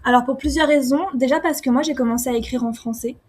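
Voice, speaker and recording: Hesitant young woman, slightly high voice. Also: fast, a little mellow, slightly rough. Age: young adult. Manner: hesitant, many fillers and restarts. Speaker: singer-songwriter guest. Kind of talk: casual interview answers.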